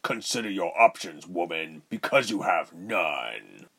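A man voicing a cold, cruel general who threatens slowly and quietly. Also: sing-song, gravelly, breathy edge, full character voice. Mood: cold menacing. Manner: slow, low, coldly threatening. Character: cold menacing male general, calm and cruel.

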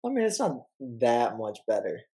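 Man, casual podcast co-host, laid-back, teasing, quick to laugh. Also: mid-range voice, wildly swooping pitch, warm tone. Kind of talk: casual chat.

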